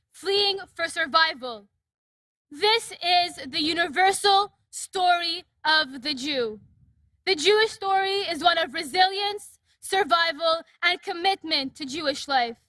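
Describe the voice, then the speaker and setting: A woman's voice: very high voice, animated, measured pace, pushed and bright, no echo. A young woman giving an impassioned, declarative speech at a rally. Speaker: rally speaker. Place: outdoor rally.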